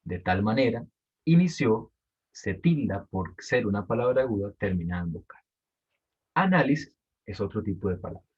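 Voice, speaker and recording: Husky low-voiced male teacher. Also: lively intonation, normal speed, a little mellow, highs cut off. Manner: patient, explanatory, repeats key points. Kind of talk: explaining an assignment to students.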